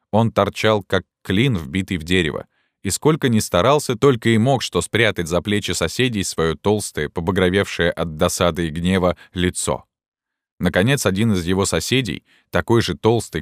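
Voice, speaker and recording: A man reads a classic novel aloud in a low, steady voice. The sound is dry and close, with no room around it. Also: no echo. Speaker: narrator. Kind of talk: audiobook narration.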